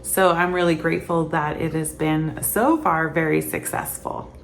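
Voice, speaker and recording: Chatty Canadian woman, tired, laughs a lot, lowish voice, faint room hum. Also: steady tone, moderate pace, vocal fry. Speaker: vlogger. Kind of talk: casual chat to camera.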